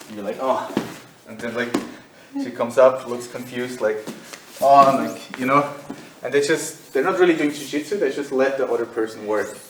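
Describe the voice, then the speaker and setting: A man's voice: mid-range voice, brisk, echoey room, distant mic, slight background noise, low-quality recording. A man teaching jiu-jitsu in a loose, conversational way while demonstrating on the mat. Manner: loose and conversational, many fillers. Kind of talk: casual instructional demo.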